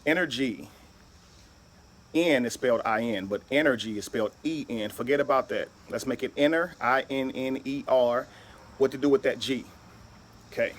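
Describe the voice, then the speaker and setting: Husky guy lecturing, spells out letters, says right? a lot. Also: mid-range voice, moderate pace. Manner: emphatic, spells out words letter by letter. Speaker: video speaker. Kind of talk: lecture-style monologue.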